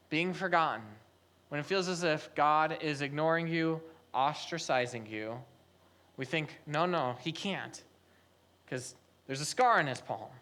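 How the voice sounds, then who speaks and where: A pastor delivering a sermon with a mid-pitched voice, pressing the point through repeated phrases and rhetorical questions. The delivery drops soft and low, then climbs into raised, emphatic bursts. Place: church service.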